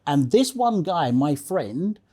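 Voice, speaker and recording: A man with a fairly high, warm voice speaks slowly but very animatedly as a casual interview guest. He tells anecdotes with emphasis, repeats phrases, and checks in with the listener by tagging statements with "okay?".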